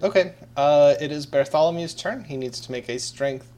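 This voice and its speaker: A man running a tabletop game as game master, narrating in a relaxed way with many fillers. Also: fairly high pitch, moderate pace, slight background noise.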